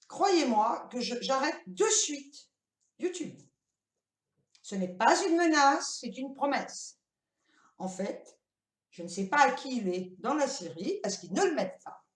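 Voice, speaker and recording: Chatty older woman in an echoey room. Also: a little high. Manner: chatty and rambling, many fillers and "voilà". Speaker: vlogger. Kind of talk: casual shopping haul vlog. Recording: roomy echoey room sound.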